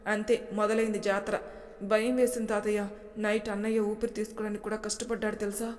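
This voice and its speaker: A woman's voice: medium pitch, flat delivery, fast talker, a little mellow, long reverb tail, close to an everyday voice. Woman doing a blunt young brother. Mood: worried. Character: young man, protective brother, blunt and scolding.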